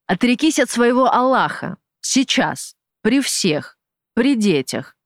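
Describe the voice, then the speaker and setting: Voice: mid-range voice, sing-song, slow, no echo, studio quality, pitched above the performer's own voice. A reader doing a sneering, cruel gang boss. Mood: commanding. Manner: sneering, taunting, falsely genial. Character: cruel mocking male gang boss, middle-aged. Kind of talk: audiobook character voice.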